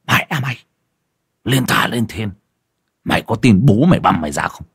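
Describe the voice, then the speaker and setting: A man's voice: on the low side, animated, moderate pace, creaky, fairly bright tone, breathy edge, no echo, studio quality, exaggerated voice. A man voicing a brutal murderous husband who snarls threats. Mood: menacing. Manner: menacing, snarling.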